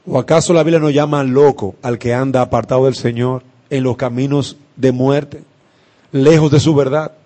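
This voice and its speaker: A man preaching a sermon, impassioned, swinging from loud declarations to hushed words with emphatic pauses. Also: medium pitch, steady tone.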